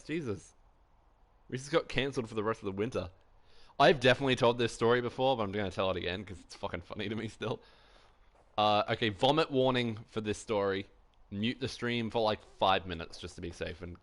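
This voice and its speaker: A man's voice: fairly low pitch, a bit bright. A young man streaming live, rambling through anecdotes in casual chat, swearing often and laughing a lot.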